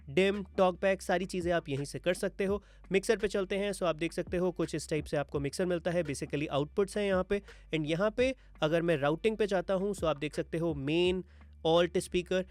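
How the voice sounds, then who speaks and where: A man's voice: high voice, no echo. A man with an Indian accent walking through a studio product demo, explaining features step by step. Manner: explanatory, mixes English terms into Hindi. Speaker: gear reviewer. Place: home studio. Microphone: wireless mic, then dynamic and condenser mics.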